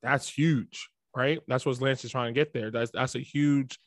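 A man's voice: mid-range voice, steady tone, moderate pace, dry recording, studio quality. A man co-hosting a sports podcast from his home computer setup, chatting loosely and rattling off stats. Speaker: podcast co-host. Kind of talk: casual fantasy football chat. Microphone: home computer setup mic.

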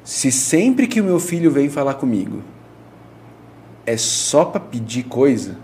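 A man, a pastor explaining in a relaxed conversational way, using everyday examples and frequent tag questions. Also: mid-range voice, unhurried, slight background noise. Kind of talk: conversational teaching on prayer.

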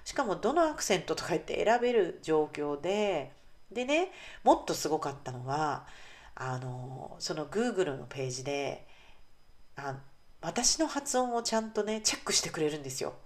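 Woman podcast host and English coach, low voice, casual solo chat. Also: sing-song, normal speed. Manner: chatty, warm asides with frequent "ne" and fillers.

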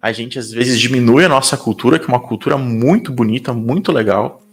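A man's voice: mid-range voice, brisk. Chatty Brazilian man telling stories. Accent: Brazilian Portuguese. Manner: animated, talks with fillers like "cara" and "tipo". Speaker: guest. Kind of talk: casual interview storytelling.

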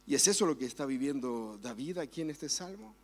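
A man's voice: mid-range voice, lively intonation, a little fast. A man, a pastor preaching a sermon in church, telling stories and turning fervent in prayer. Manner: storytelling with varied emphasis, fervent when praying.

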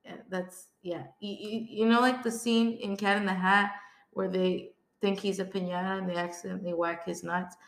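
Woman cohosting a podcast, gravelly fry, cracking jokes, lots of ums, roomy echo. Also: medium pitch, flat delivery, moderate pace. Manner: joking, rambling with many fillers. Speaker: podcast co-host. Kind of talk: casual chat.

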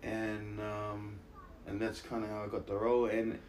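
Faint hiss or hum sits under a lowish, monotone and slightly mellow male voice moving at a moderate pace. The speaker, an actor-musician in his thirties with a broad New Zealand accent, is a relaxed interview guest telling anecdotes in a slangy, self-deprecating manner.

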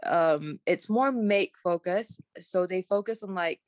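A young woman from Malaysia, a fashion graduate, is a guest on a casual podcast interview, with an accent mixing Malaysian, British and American traces. Her lowish voice is unhurried as she rambles, full of fillers and restarts. The recording is dry and clean, with studio sound.

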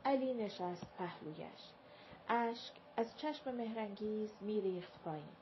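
A woman reading a novel aloud in calm, measured scripted narration. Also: mid-range voice. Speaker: audiobook narrator. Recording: dull lo-fi recording with faint hiss.

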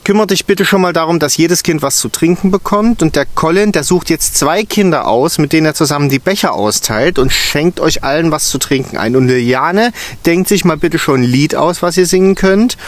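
A man voicing a calm, kind female daycare teacher in a told story, gentle and reassuring. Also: a little high, normal speed, hardly any pauses, voice pushed up, close to an everyday voice. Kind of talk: storytelling with character voices.

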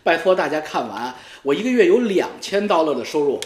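A middle-aged man, rambling crudely and teasingly in a comic monologue, swearing freely and breaking into loud high outbursts. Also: very animated, a little fast. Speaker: YouTube streamer. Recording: echoey room.

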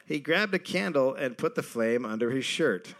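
A man's voice: mid-range voice, animated, moderate pace, background noise. A man hosting a comedy podcast who tells a history story in a casual way, reads passages aloud, and often breaks into laughter.

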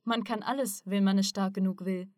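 Woman reading a calm, learned male teacher. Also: mid-range voice, a little fast, no echo, studio quality, close to an everyday voice. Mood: explaining. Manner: calm, explanatory lecturing.

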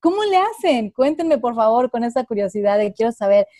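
A woman's voice: a little high, sing-song, a little fast, dark tone, no echo. A Mexican woman hosting a casual group conversation, asking questions with curiosity and animation. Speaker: host leading a group conversation.

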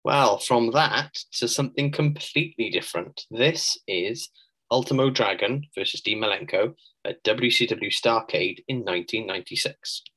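A man hosting a podcast, talking in a measured, explanatory and conversational way with some enthusiasm. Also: mid-range voice, a bit bright, slightly rough, low-quality recording. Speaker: podcast host. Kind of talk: conversational wrestling podcast review.

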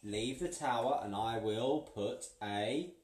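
A man voicing a cackling, threatening old witch while reading a storybook aloud, a little higher and louder than his own voice. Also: slow, natural voice. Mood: menacing. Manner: snarling, threatening. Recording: roomy, from a distance.

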